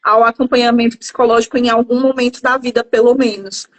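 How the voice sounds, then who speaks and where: Calm, measured Brazilian woman, higher voice. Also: rough recording. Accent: Brazilian Portuguese. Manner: calm, measured, often pausing with "é" and "né". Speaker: psychologist guest. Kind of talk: reflective live-stream conversation.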